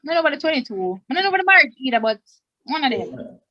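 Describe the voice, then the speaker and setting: A woman hosting a club meeting over a video call, chatty and quick to laugh. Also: high-pitched, very animated. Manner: chatty, laughs easily, second-guesses herself. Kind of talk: casual online meeting hosting. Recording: dull lo-fi online call audio.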